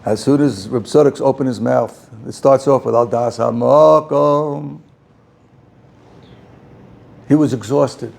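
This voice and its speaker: A man, a rabbi, telling a story in a sermon, quick and dramatic in the narration. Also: medium pitch, creaky, darkish tone.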